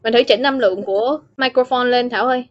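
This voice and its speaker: A woman with a Vietnamese accent talks fast in a fairly high voice as she teaches an online English class, addressing students by name and explaining phrases. The recording is dry, coming through as dull, lo-fi call audio.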